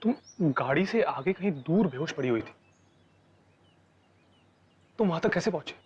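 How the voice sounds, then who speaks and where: An actor playing a caring, protective young husband who speaks in a soothing, steady way in a TV horror drama. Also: male voice, a little high, normal speed, dull audio, a little hiss or hum, natural voice.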